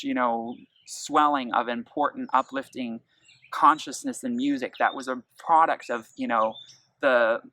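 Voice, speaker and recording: A man's voice: mid-range voice, pushed and bright, dry recording, poor audio. A man giving a casual, enthusiastic spoken album review, talking freely with many fillers and restarts.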